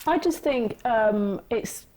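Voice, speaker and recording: A woman's voice: fairly high pitch, expressive, takes it slowly, dark tone, rough recording. A woman, an author and blogger, chatting as a guest in a casual interview, bubbly and gushing. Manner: bubbly, gushing, exclaims often.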